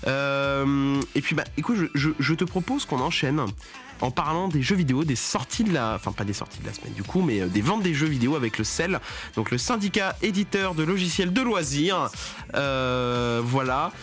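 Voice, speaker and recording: Young male radio host, slightly high, rambling chatter full of fillers and mock exasperation. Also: expressive, moderate pace, a bit bright, faint music behind. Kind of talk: casual radio chronicle.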